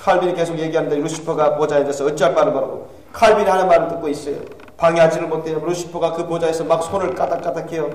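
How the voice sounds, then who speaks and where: A male pastor delivers an urgent, fervent sermon in a church sanctuary. His voice is high and the words tumble out fast. The mic sits far away, so the hall rings around him. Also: fairly even intonation, darkish tone.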